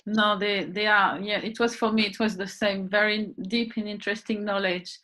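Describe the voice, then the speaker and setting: A woman's voice: mid-range voice, little pitch movement, moderate pace, pushed and bright. Woman interviewer, hesitant questions. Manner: hesitant, many fillers.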